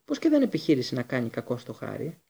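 A man's voice: medium pitch, huge pitch swings, gravelly, mellow, slightly rough, full character voice. A man voicing a timid, polite young schoolgirl.

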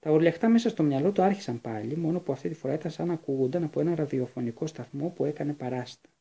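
A male narrator reads a fantasy novel aloud in a steady storytelling manner. His voice is warm and dark, gravelly and somewhat husky, pitched a little high for a man. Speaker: audiobook narrator. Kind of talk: audiobook reading.

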